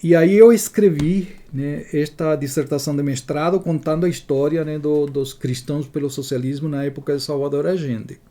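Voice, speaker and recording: A man in his sixties from Chile, telling his life story as an interview guest in a measured way, often adding tag questions. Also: fairly high pitch, fairly even intonation, dark tone. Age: 60s.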